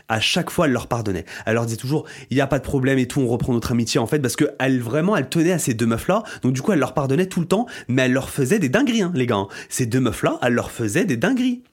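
A young man telling stories in a casual slangy monologue, animated and swinging into loud indignation. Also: mid-range voice, breathy edge. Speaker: podcast host.

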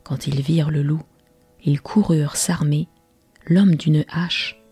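A woman storyteller narrating a bedtime fairy tale as a whispered role-play, slow and hushed. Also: sits low, steady tone, breathy edge, dry recording, faint music behind.

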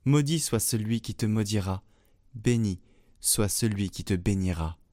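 Slow, low-voiced man reading scripture. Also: dark tone, no room sound. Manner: slow, measured, solemn. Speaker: scripture reader. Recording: dry, faint music behind.

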